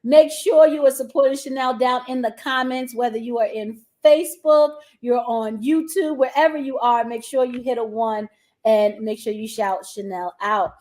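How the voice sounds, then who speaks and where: A woman's voice: on the high side, normal speed, a little mellow. A woman hosting a live-streamed interview, upbeat and talking directly to her viewers. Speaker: host.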